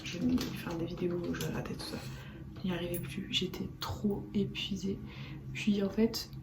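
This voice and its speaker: A woman vlogger chatting casually to camera from her bedroom, soft-spoken and rambling, repeating herself. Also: mid-range voice. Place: bedroom at home, indoors. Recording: echoey room with background noise.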